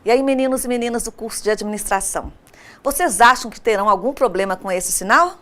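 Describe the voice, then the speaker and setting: A woman teacher giving a recorded online grammar lesson, speaking straight to her students and slowing down to spell out example words. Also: fairly high pitch, a bit bright. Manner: didactic, addresses students directly.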